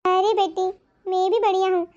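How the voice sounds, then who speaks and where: A woman voicing a gentle, caring older mother in a cartoon, speaking softly and giving advice. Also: very high-pitched, flat delivery, moderate pace. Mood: lamenting. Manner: soft, advising, lamenting. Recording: slightly dull, music behind.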